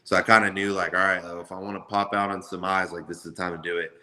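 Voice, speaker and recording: Low-voiced young athlete, fast and loose. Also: male voice, little pitch movement, bright, forceful tone. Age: 20s. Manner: loose, slangy, repeats "like" often. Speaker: college football player being interviewed. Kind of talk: casual interview chat.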